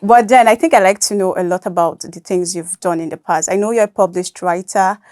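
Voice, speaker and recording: A woman's voice: mid-range voice, a little fast, a little mellow, no echo, clean studio sound. A woman hosting a casual interview, asking questions conversationally. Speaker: interview host. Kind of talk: casual chat.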